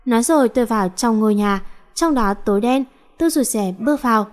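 A woman's voice: on the high side, brisk, darkish tone. A woman reading a first-person story aloud, voicing the characters' lines with small lifts in her voice.

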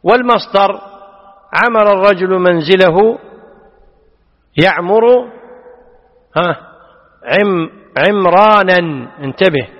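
A man's high-sitting voice moves at a slow pace with long pauses. He teaches a lesson on a classical text, explaining patiently and questioning his students, captured in dull audio with long hall reverb.

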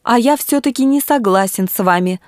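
A woman's voice: on the high side, brisk, no echo, close to an everyday voice. Woman doing a pale polite bishop who objects, audiobook read, dry sound. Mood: polite objection. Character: pale ascetic male bishop, polite but disagreeing. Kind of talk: audiobook reading.

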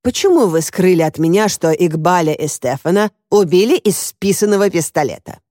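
A woman's voice: fairly low pitch, expressive, moderate pace, mellow, no echo, studio quality, natural voice. A woman reading the lines of a self-assured amateur detective in her seventies in an audiobook. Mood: confident.

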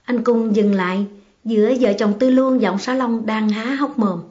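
A woman's voice: a little high, normal speed, warm tone. Woman reading a story aloud, muffled. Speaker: audiobook reader. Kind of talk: storybook narration. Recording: slightly muffled, faint music behind.

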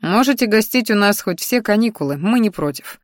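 A woman's voice: mid-range voice, animated, a little fast, no echo, clean studio sound, lightly acted. A woman voicing a courteous, good-natured middle-aged father with a sly, teasing manner in a story. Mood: genial.

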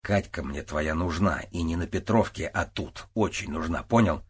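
A male narrator reads a gruff, commanding older police captain in a storybook. He is brusque and blunt, and his voice is very low and husky. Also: moderate pace.

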